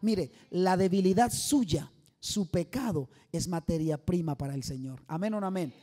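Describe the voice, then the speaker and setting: At a church service before a live audience, a man preaches an evangelistic sermon to the congregation, emphatic and quizzing listeners for answers. His voice is high-pitched and dark in tone, at a moderate pace.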